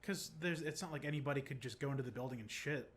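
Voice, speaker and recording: Young male co-host, fast, halting, mid-pitched, casual. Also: a little hiss or hum. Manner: rambling, hesitant restarts. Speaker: podcast co-host. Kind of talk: casual chat.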